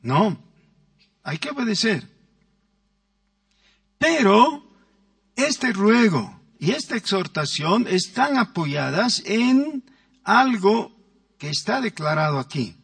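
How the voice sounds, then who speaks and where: A man's voice: high-pitched, big pitch swings, gravelly, a bit bright, slightly rough, no echo, far from the mic. A man preaching a sermon as pastor, stressing words and acting out quoted voices. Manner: emphatic, drawn-out words with acted quotes.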